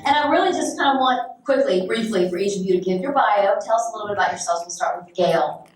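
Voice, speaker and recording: Woman emcee, upbeat and chatty, booming hall echo. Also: quick pace. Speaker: master of ceremonies. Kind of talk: emceeing a live panel event. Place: large event hall. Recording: echoey hall, distant mic, audible noise.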